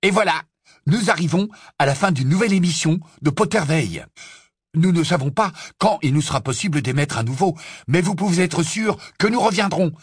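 Man voicing a young secret-radio host, upbeat announcer, lifted and a bit husky. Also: on the high side, lively intonation, brisk, dry recording, studio quality. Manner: upbeat broadcaster tone. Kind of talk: audiobook character voice.

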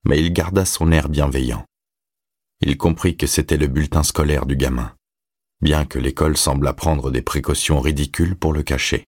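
Un homme qui lit un roman en livre audio, d'un ton posé et régulier. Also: male voice, rumbling low, breathy edge, dry recording, clean studio sound. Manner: steady, measured storytelling. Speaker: narrator. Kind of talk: audiobook reading.

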